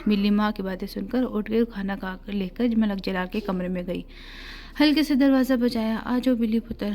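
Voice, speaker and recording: Woman reading a novel aloud, mellow soft voice, steady and even. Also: mid-range voice, slight background noise. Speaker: narrator. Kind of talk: audiobook novel narration.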